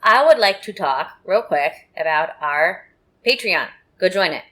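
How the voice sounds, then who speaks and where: Sleepy, bright-voiced woman podcast host. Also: low-pitched, expressive, a little slow. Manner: playful, teasing banter. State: sleepy, yawning. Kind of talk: casual chat.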